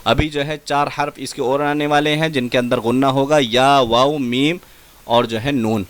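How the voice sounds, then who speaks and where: A man teaching Quran recitation, spelling Arabic words letter by letter and drawing out each syllable, with quick asides in between and a Pakistani Urdu accent. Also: medium pitch, fairly even intonation, no echo.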